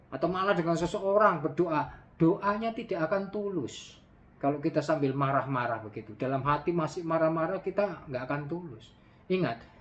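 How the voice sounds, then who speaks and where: Folksy higher-voiced male preacher. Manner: folksy, mimics loud prayers, sighing asides. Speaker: pastor. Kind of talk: conversational sermon. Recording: dull lo-fi recording.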